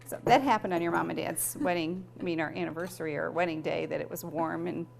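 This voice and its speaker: A woman's voice: on the low side, fairly even intonation, fast, vocal fry. A middle-aged woman hosting a home cooking show with her family, chatting, explaining steps and laughing often. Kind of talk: casual cooking demo with family.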